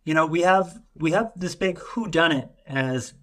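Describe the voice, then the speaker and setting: A man's voice: a little high, normal speed, a bit bright. A man co-hosting a book podcast, summarizing a story in a chatty, rambling way with filler words. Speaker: podcast co-host. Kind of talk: casual podcast chat.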